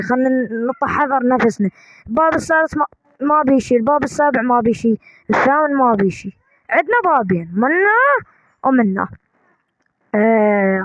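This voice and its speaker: A man with an Iraqi accent giving excitable let's-play commentary, repeating phrases and talking to his viewers. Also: very high voice, no room sound, poor audio. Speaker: gaming channel host.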